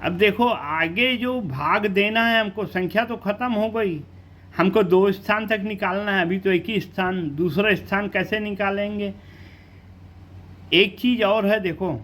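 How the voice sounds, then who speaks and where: A man's voice: high-pitched, fairly bright tone. A male teacher from India explaining a math lesson step by step, often asking rhetorical questions.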